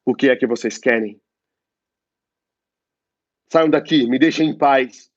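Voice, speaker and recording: A man's voice: mid-range voice, animated, measured pace, dry recording, voice pushed up. A Brazilian man performing a monologue as a troubled young man locked in an asylum, pleading and anguished, on a dull lo-fi phone mic. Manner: anguished, pleading, wavering between loud and hushed. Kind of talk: theatrical monologue reading.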